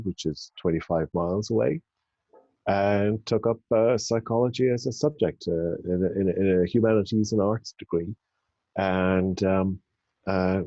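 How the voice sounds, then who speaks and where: Man, Irish accent, very deep voice, middle-aged, measured and hesitant, dry muffled sound. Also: mellow, no room sound. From rural Ireland. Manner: measured, thoughtful, with frequent ums and restarts. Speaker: psychology academic guest. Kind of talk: interview answers.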